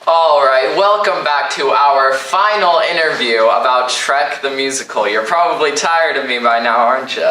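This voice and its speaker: Bright chatty young male host, echoey. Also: medium pitch, slight background noise. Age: young adult. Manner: upbeat, chatty, quick to laugh. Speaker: talk show host. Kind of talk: casual interview. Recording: echoey room, mic at a distance.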